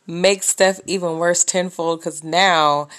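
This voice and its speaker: A woman with a fairly low voice chatting on a podcast about her marriage. She talks emphatically, often lively and ready to laugh. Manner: animated, quick to laugh, emphatic. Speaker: married co-host. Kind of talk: casual chat.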